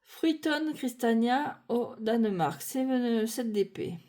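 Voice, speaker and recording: A woman's voice: a little high, animated, dark tone. A French-speaking woman casually walking through a tarot deck card by card, thinking aloud with many fillers and restarts. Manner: unhurried, thinking aloud with frequent fillers and self-corrections.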